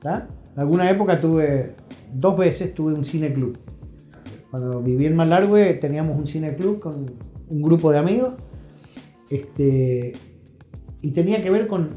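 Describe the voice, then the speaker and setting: A middle-aged Argentine man, a health professional appearing as an interview guest, talks in a casual, reflective way, explaining things and checking in with short tag questions. His voice is a little high and mellow, and the recording sounds roomy, with music behind him.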